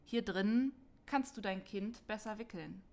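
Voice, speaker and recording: A gentle male cobbler with a warm, friendly way of talking, kind to everyone who passes his window, as a woman reading a storybook puts him on. He speaks slowly and invitingly, like someone welcoming a cold guest into his room. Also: mid-range voice, natural voice. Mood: kindly.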